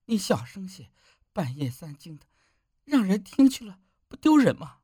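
A husky young village wife, as a male storyteller puts her on, her pleas leaping up and falling low. The voice is close and dry, with no room around it. She sounds wronged and desperate. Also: big pitch swings, moderate pace, dark tone, no echo, heavily acted. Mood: scolding. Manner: pleading, rising to cries. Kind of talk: audiobook character voice.

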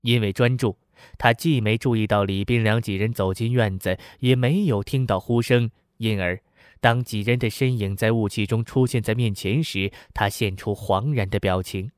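A man narrating a novel in a measured, somber storytelling manner. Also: fairly low pitch, fairly even intonation, no room sound, studio quality. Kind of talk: audiobook narration.

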